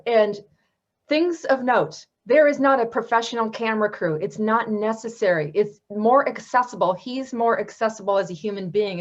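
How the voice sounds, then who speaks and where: A woman's voice: a little high, lo-fi sound. A woman giving a webinar presentation on marketing, talking in an enthusiastic, conversational teaching manner. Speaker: marketing speaker.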